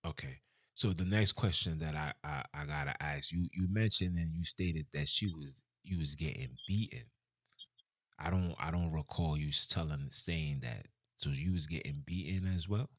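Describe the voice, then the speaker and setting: Male host, very deep voice, dry close sound, probing and repetitive questions. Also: normal speed, fairly bright tone, dry recording. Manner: probing questions, repeats his words. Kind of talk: casual interview talk.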